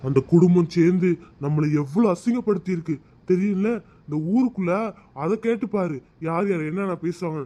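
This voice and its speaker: A man voicing an angry, protective middle-aged village father in a cartoon, loud and scolding. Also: high-pitched, a little fast. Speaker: father of the bride.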